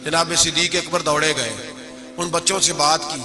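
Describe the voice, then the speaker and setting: A man preaching a sermon. He tells the story dramatically, with sudden loud outbursts and a sing-song, chanted delivery. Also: on the high side, fairly even intonation, very noisy.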